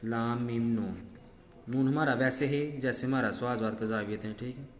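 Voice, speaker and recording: A man's voice: mid-range voice, fairly even intonation, moderate pace. A man teaching students how to write letters, explaining each stroke patiently and step by step. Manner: patient, step-by-step, repeats "ठीक है". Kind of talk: handwriting lesson. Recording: echoey room with faint background noise.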